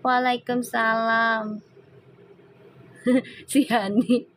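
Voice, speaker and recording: Chatty high-voiced woman live streaming. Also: flat delivery, very slow, a bit bright, a little hiss or hum. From Indonesia. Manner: chatty, laughs often, reads viewer comments aloud. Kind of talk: casual live stream chat.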